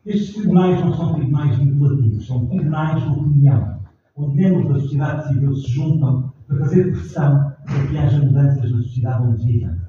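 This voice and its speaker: A man in his forties with a European Portuguese accent, an actor giving a measured, declamatory stage address to an audience. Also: medium pitch, a crowd in the background. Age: 40s. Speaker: actor and narrator. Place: theatre stage. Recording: echoey theatre hall from far off, dull, noisy.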